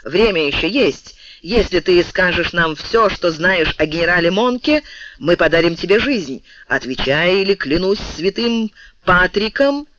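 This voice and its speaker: Threatening officer, voiced by a man, loud and slow, high-pitched, dull dry audio. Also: big pitch swings, slight background noise. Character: shouting male soldier officer, threatening.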